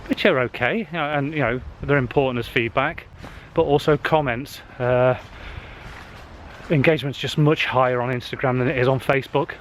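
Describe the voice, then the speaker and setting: A man's voice: mid-range voice, fairly even intonation, moderate pace, a bit bright. Chatty man vlogging outdoors. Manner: chatty, with frequent "uh" fillers. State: slightly out of breath walking uphill. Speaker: social media marketing vlogger. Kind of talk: casual walking vlog. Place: outdoors on a wooded hill path. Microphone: handheld camera. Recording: faint outdoor noise.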